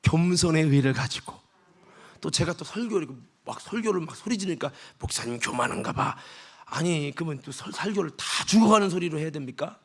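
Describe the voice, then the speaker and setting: A man preaching a Sunday sermon as a church pastor, swinging between shouted exclamations and hushed whispers. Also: fairly high pitch, animated, brisk. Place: church sanctuary.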